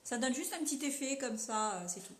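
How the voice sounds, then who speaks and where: A woman's voice: on the high side, animated, fairly quick, roomy sound. A young French woman chatting casually as she sells makeup on a live stream, upbeat and full of fillers.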